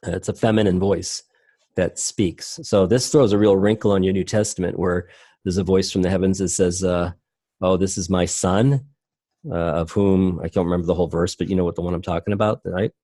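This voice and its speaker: A man's voice: low voice, little pitch movement, fast talker, dark tone, dry recording. A man giving an online presentation lecture, rambling with many fillers and restarts. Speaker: teacher.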